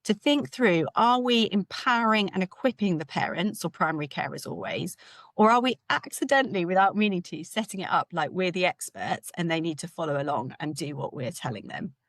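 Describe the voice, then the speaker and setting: A British woman in her thirties, slightly hoarse, giving an informal, chatty conference talk as a ministry leader. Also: lowish voice, lively intonation, brisk, fairly bright tone, no room sound. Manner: chatty, informal, with light laughs.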